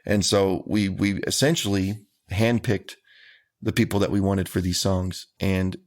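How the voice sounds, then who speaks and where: A man's voice: low voice, little pitch movement, measured pace. A man, a country singer answering interview questions in an earnest, folksy way. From Texas.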